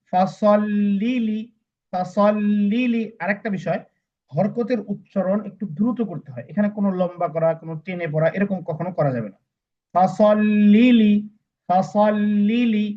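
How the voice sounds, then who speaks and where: A man teaching Quran reading, spelling out each word slowly letter by letter and repeating it before explaining the rules. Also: high voice, muffled recording. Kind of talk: spelling-out recitation lesson.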